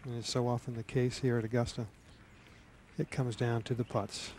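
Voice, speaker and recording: A man giving live golf commentary with deliberate, dramatic phrasing. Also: medium pitch, little pitch movement, a little mellow, a little hiss or hum.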